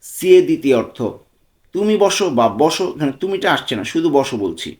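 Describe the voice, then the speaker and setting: Male tutor, fairly high, very animated pitch, patient repetitive phrase drills. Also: normal speed. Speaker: language tutor. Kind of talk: language lesson.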